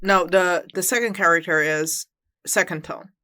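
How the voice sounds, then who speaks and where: Bright-voiced co-host. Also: mid-range voice, moderate pace. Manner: patient, corrects tones plainly. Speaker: podcast co-host. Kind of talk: casual chat.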